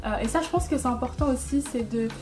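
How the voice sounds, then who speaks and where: A woman in her twenties from French Guiana and Brazil, a guest explaining her path in earnest, seated in a bright room. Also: high voice, fast, over music. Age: 20s. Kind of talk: casual interview chat.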